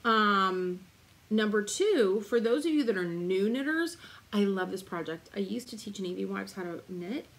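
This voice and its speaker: A woman's voice: medium pitch, expressive, normal speed, rough recording. A woman co-hosting a casual podcast, chatting in a digressive way with frequent asides. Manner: chatty, digressive, laughs often. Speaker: podcast co-host. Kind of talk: casual chat.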